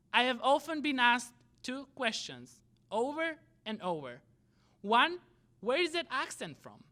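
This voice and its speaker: With a very high, sharp-toned voice, the young man gives his prepared graduation speech as student body president. His Albanian accent comes through as he speaks in measured, deliberate phrases.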